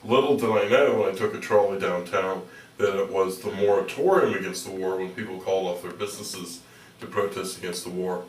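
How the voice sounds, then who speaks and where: A middle-aged American man telling stories as a radio interview guest, rambling and halting with dry humor. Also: sits low. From Pittsburgh, United States. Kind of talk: conversational radio interview storytelling. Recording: echoey room, distant from mic.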